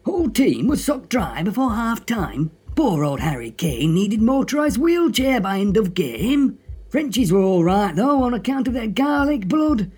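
A man's voice: high voice, very animated, a little slow, darkish tone, breathy edge, full character voice. A man playing a jovial, grumbling Northern English radio host with a folksy, droll manner in a comedy show. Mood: mock-earnest ranting. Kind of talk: comic radio monologue and phone-in.

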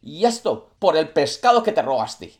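A man voicing a sly, clever male monkey who talks quickly and eagerly in a storybook tale. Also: a little high, very animated, a little mellow, pitched above the performer's own voice. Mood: vengeful.

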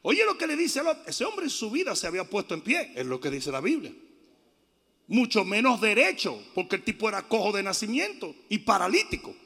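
High, shouting, raspy male preacher. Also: big pitch swings, brisk. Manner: shouts often and acts out voices. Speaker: bishop preaching. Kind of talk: loud animated sermon. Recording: long reverb of a large hall.

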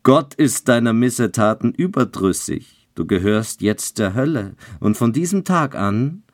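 A sinister male devil from a spoken fairy tale, gloating as he pronounces a curse, put on by a man whose voice rises well above his own low register. His delivery is slow and weighty. It sounds close and dry, with no room echo. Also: animated. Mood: menacing. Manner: laughing darkly, pronouncing a curse.

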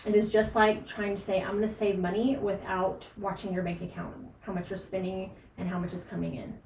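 A woman hosts a fitness podcast, offering casual advice in an emphatic, earnest way full of fillers and laughter. Her medium-pitched voice is level and brisk, picked up by a distant mic with reverb and faint noise.

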